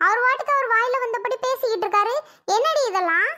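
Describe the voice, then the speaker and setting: A quarrelsome young cartoon woman who snaps and brushes everyone off, as a woman voices her. Her voice is extremely high and sharply bright. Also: quick pace. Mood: snapping rude. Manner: snapping, dismissive. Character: young woman, rude quarrelsome sister-in-law. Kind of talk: cartoon voice acting.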